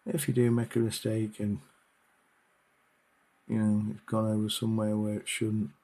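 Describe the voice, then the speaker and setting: A man's voice: fairly low pitch, completely flat delivery, normal speed, dark tone. A man giving a casual miniature painting tutorial, talking hesitantly with many fillers.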